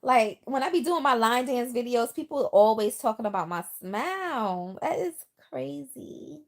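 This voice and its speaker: This time her voice is on the high side and a little slow, with vocal fry. The middle-aged woman from the Bronx, now living in the South, speaks with a New York accent that has picked up Southern twang. She chats in a lively way with livestream viewers, talking right to them and reading their comments aloud, recorded on a phone.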